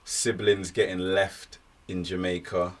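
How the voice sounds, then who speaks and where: A man's voice: low-pitched, flat delivery, measured pace. A man hosting a podcast interview in a studio, asking questions and often murmuring agreement. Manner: encouraging, frequent backchannel agreement. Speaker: podcast host. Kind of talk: casual interview.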